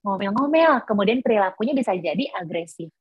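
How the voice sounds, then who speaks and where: Husky woman giving a workshop lecture. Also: mid-range voice, lively intonation, brisk, no room sound, dull audio. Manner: explanatory, many fillers like "nah" and "gitu ya". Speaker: teacher trainer.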